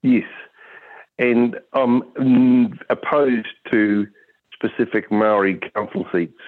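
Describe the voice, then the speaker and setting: A man calling a radio show over the phone, chatting casually and giving opinions in halting, emphatic phrases. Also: mid-range voice, steady tone, no echo. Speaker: phone-in caller. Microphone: telephone. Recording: tinny narrow phone line.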